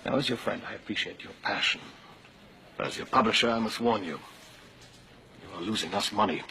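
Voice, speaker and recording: An actor playing a stern middle-aged newspaper publisher who lectures in a firm tone. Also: male voice, lowish voice, a little fast, bright, forceful tone, slight background noise. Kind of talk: film drama.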